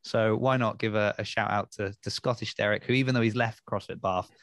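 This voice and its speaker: A man co-hosting a podcast, chatting in a thoughtful, halting way with frequent restarts. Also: fairly low pitch, fairly even intonation, a bit bright, no room sound, clean studio sound. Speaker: podcast co-host. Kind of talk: casual podcast chat.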